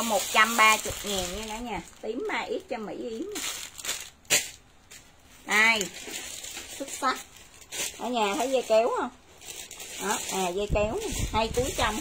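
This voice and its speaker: A woman hosts a live clothing sale and rattles off sizes and prices in brisk, repetitive bursts. Her voice sits a little high. Steady noise runs under the recording. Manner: brisk, repeats sizes and prices, addresses viewers. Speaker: livestream clothing seller. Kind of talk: live sales stream. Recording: noisy livestream audio.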